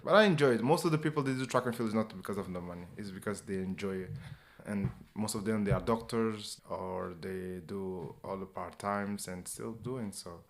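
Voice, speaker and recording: A lively young man from Portugal talks in a casual interview, and his English carries a strong Portuguese accent. His voice sits a little low, and his talk keeps running on with "you know" and quick restarts. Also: creaky. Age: 20s. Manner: animated, talkative non-native English with repeated "you know". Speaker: guest, personal trainer and former sprinter. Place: indoors, interview in England.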